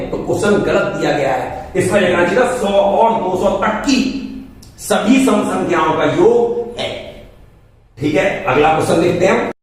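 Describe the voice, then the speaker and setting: A man's voice: high-pitched, distant mic. A man teaching math, working through exam problems step by step and repeating each number aloud as he calculates. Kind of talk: classroom lesson explaining exam problems. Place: coaching classroom. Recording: echoey room, voice off-mic, faint ambience.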